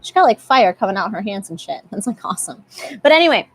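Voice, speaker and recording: A woman's voice: medium pitch, big pitch swings, quick pace, breathy edge. A young woman giving a casual live tarot reading, chatty and often repeating herself. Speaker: tarot reader.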